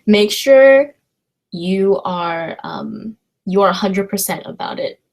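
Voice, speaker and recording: In a relaxed livestream, a young woman from China responds to viewer questions, wandering and hesitating as she goes. She takes her time, speaking at a medium pitch with lively intonation.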